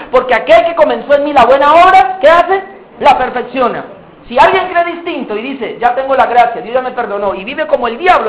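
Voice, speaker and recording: High-voiced emphatic pastor, echoey church. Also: male voice. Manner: emphatic, addresses congregation as brothers. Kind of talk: sermon.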